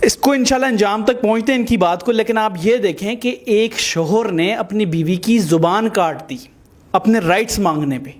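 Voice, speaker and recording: High-voiced man lecturing a quarreling couple. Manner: emphatic, lecturing, addresses viewers. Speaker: host. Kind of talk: mediating a marital dispute on camera.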